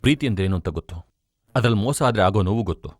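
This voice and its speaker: An actor dubbing a jealous, menacing fiancé in a film, talking in a stern, threatening way. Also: male voice, on the low side, animated, rapid-fire, no room sound, studio quality, close to an everyday voice.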